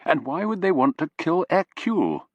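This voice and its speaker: A man's voice: on the high side, very animated, normal speed, no echo, lo-fi sound, voice pushed up. A man voicing an earnest police chief who asks probing questions. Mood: inquiring.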